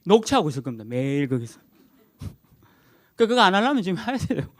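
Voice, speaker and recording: A middle-aged male pastor preaching a sermon, emphatic and animated, repeating key words and chuckling at his own jokes. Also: high voice, fast talker, no room sound.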